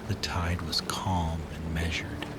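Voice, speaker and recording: A man narrating a sleep story in a soothing, hushed, gentle and often breathy manner. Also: deep voice, level tone, takes it slowly, very noisy.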